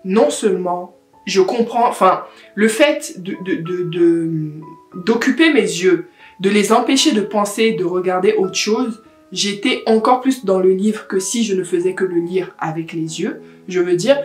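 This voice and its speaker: A woman's voice: mid-range voice, lively intonation, a little slow. Chatty woman in a roomy space. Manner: chatty, mixes in English words. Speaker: book vlogger. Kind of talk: casual chat to camera. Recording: roomy echo with faint guitar music.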